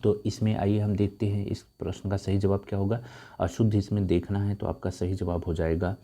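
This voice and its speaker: Man, exam tutor, very dark mellow tone, lowish voice, slow option reading, brisk explanations. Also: level tone. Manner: reads options slowly, then explains corrections briskly; addresses viewers as dear friends. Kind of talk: exam answer walkthrough.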